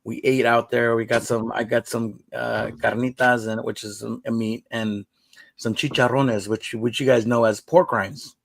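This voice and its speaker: A man's voice: medium pitch, level tone, moderate pace, creaky, no room sound, rough recording. A man hosting a live stream, chatting in an easygoing, rambling way. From United States. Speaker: livestream host. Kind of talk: casual live-stream chat.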